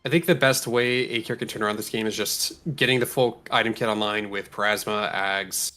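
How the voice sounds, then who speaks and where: A man's voice: fairly low pitch, steady tone, fairly quick, bright, forceful tone. A man giving analytical live esports commentary in an explanatory way, breaking down strategy.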